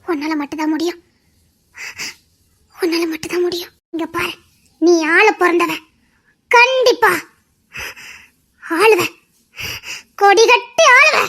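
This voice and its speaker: A woman's voice: very high-pitched, flat delivery, moderate pace, pauses often. A woman voicing a grieving mother who lost her twin babies, speaking in an earnest, insistent and soothing way in an amateur audio drama.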